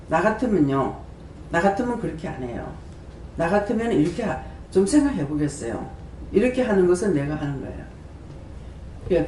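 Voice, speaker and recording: Prayer house director at the pulpit, animated pitch, preaching to the congregation, back in a roomy church hall. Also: a little hiss or hum. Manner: conversational preaching with rhetorical questions to the congregation; quotes scripture and acts out dialogue. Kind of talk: sermon. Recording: roomy hall sound from a distance.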